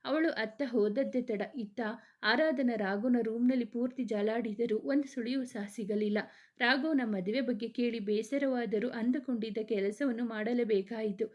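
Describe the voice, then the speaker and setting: A woman narrating a serialized family story aloud, expressive and acting out every character. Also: a little high, normal speed, highs cut off.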